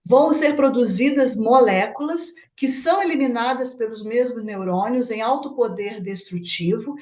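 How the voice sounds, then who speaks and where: A Brazilian woman hosts a spiritist book study, reading out passages and explaining them in her own words. Her voice sits a little high for a woman, and she keeps turning to her partner to confirm a point. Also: moderate pace, a little mellow. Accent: Brazilian Portuguese. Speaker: study group host.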